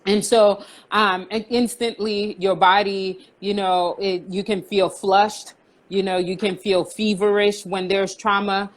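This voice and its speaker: A woman in her forties, born in Haiti, calmly explaining things as a guest counselor in a conversational interview, with frequent fillers. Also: medium pitch, a little slow. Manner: calm, explanatory, with frequent "um" and "you know".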